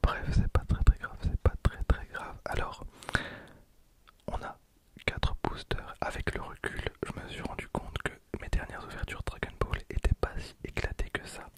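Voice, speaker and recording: A man in his twenties, an ASMR creator and host, whispers softly and slowly into a handheld recorder held close as a mic. He repeats phrases unhurriedly while commenting on opening card packs.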